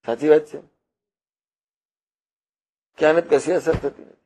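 A man preaching a devotional sermon, teaching slowly and repetitively with rhetorical questions and parables. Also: on the high side, fairly even intonation, dark tone, a little hiss or hum. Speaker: religious preacher.

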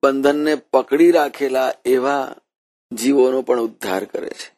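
A man's voice: mid-range voice, steady tone, measured pace, darkish tone. A man preaching a devotional sermon, telling a story and often repeating and rephrasing his words. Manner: repeats and rephrases while narrating.

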